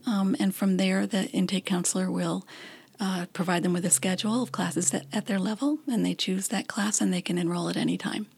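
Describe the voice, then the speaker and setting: Gravelly-voiced woman program coordinator. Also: medium pitch, fairly quick. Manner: relaxed, with frequent fillers. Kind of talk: interview answers.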